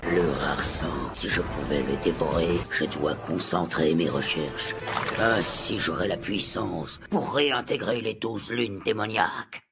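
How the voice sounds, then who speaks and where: A man playing a ravenous, submissive lesser demon in a French anime dub, laboured and gravelly. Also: low voice, unhurried, music in the background. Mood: brooding.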